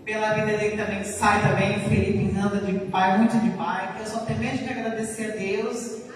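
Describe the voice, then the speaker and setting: A woman's voice: medium pitch, little pitch movement, fairly quick. A woman giving a simple, grateful testimony at a church service. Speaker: church member giving thanks. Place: church hall. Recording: echoey church hall from far off with background noise.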